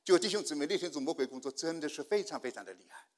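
An older man preaching a sermon, telling a personal testimony and swinging from hushed prayer to loud outbursts. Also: a little high, lively intonation, very fast. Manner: storytelling, swinging from hushed to shouting.

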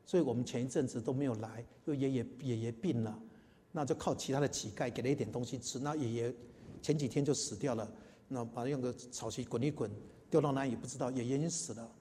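A man voicing a poor orphaned beggar boy in a sermon story, soft and plaintive. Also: medium pitch, quick pace, a little hiss or hum, natural voice. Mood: sad. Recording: long hall reverb.

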